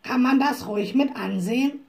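A croaking, indignant old raven from a children's storybook, put on by a woman reading aloud. His voice sits a touch higher than the reader's own and takes on a strange, altered timbre. Underneath stays a warm, mellow tone. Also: moderate pace. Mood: outraged.

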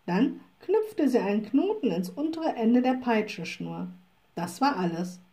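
Warm-voiced woman reading a story. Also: a little high, big pitch swings, unhurried. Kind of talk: children's audiobook narration.

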